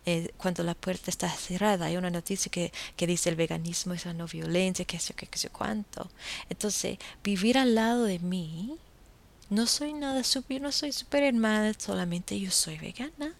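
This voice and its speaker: Earnest woman talking to her listeners, firm, kinda gravelly, drops into soft murmurs sometimes. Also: mid-range voice, moderate pace. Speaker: vegan vlogger. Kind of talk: casual monologue to listeners.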